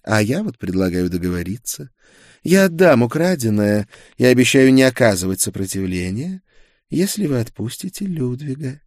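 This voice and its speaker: A man's voice: mid-range voice, animated, moderate pace, darkish tone, no room sound, studio quality, pitched above the performer's own voice, close to an everyday voice. A man reading an audiobook, voicing a proud young witch with a silky, mockingly polite and scornful manner. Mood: scornful politeness. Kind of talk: audiobook character voice.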